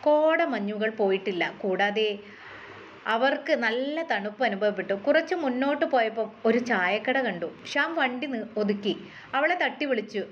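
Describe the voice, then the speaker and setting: A woman narrating a story in a steady, measured reading voice. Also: on the high side. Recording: dull lo-fi with faint hiss.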